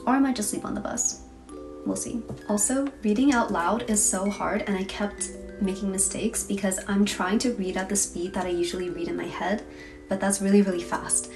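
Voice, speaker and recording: In a casual diary vlog, a young woman chats in a tired, self-deprecating way, her voice hoarse and weary. She speaks in a steady mid-range tone at normal speed, picked up by a distant mic with loud music behind her.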